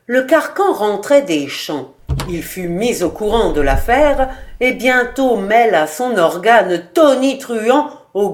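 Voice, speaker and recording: A woman reads a literary short story aloud as narrator. She speaks slowly and deliberately, with measured, expressive storytelling. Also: mid-range voice.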